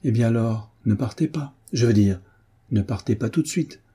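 A man's voice: mid-range voice, normal speed, warm tone, breathy edge. A man voicing a young woman schoolteacher who pleads earnestly, reading her lines in an audiobook. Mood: pleading.

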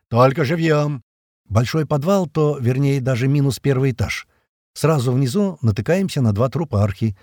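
A man's voice: medium pitch, slightly rough, no room sound, studio quality. A man reading a first-person action audiobook in a vivid, tense storytelling manner. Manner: vivid, tense storytelling that voices the soldiers' shouts. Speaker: audiobook narrator.

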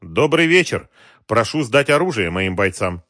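Guy playing a cool polite commander, crisp and military, dry sound. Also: on the low side, very animated, moderate pace, a bit bright, dry recording. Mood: courteous. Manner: courteous, clipped military. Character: calm, polite male special forces commander.

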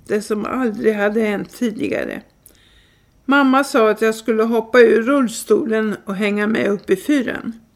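A woman reading a first-person memoir aloud in a calm, even storytelling manner. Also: a little high. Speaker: reader.

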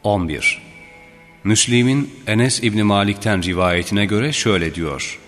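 Low male narrator, measured and solemn, reading religious history, long reverb and soft music behind. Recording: reverberant with faint background music.

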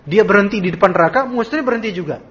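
Lively high-voiced man teaching religion. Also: rapid-fire. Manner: animated storytelling, Arabic text read then explained in casual speech. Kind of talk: Quran commentary study lesson. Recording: dull lo-fi audio recording.

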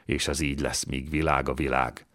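A man's voice: extremely low pitch, level tone, fairly bright tone. A man doing a proud young warrior, courtly and defiant. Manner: courteous yet mocking.

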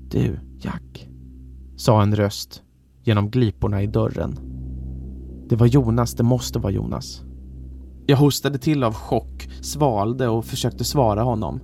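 A man's voice: fairly low pitch, darkish tone, slight background noise. Man narrating a horror story. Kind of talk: scripted first-person horror narration. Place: radio podcast studio.

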